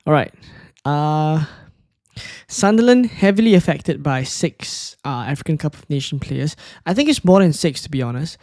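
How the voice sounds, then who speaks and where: A man's voice: a little high, animated, normal speed, darkish tone, dry recording, clean studio sound. A man from Singapore, casually talking through his picks and answering chat questions on a live stream, thinking aloud with fillers and restarts. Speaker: fantasy football streamer.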